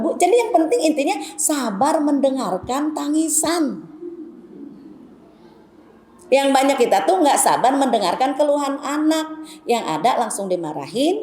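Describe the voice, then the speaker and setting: A woman's voice: high voice, a little mellow. A middle-aged woman gives a conversational Islamic lecture to women, telling stories and addressing them directly. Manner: chatty, storytelling, addresses the women as "Bu". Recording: echoey hall, faint background noise.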